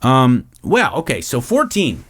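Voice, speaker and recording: A man's voice: medium pitch, huge pitch swings, unhurried, husky. A middle-aged man from Los Angeles, hosting a casual Q&A show, rambling and swearing freely. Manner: rambling, profane, lots of restarts. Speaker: podcast host. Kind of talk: casual Q&A monologue.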